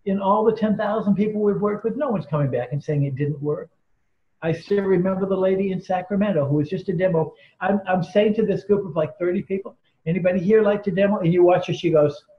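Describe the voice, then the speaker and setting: This interview guest is a man with a high-pitched voice and a quick pace. His storytelling is earnest and emphatic as he voices the people involved and quotes them, all captured in roomy, dull lo-fi audio.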